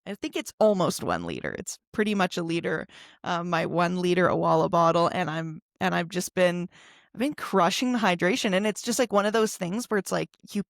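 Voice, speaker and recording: Chatty and animated, this podcast co-host is a young adult woman who talks briskly and fills her casual conversation with fillers and laughter. Her voice is lowish and creaky, recorded in clean studio sound with no echo.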